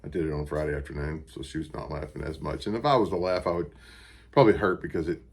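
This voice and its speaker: An American man with a deep voice talks casually to the camera in a personal update. His delivery is plain-spoken and unhurried, a little halting, with pauses as he gathers the next thought. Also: a little mellow, breathy edge. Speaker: vlogger recovering from surgery. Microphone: camera on a stand with ring light.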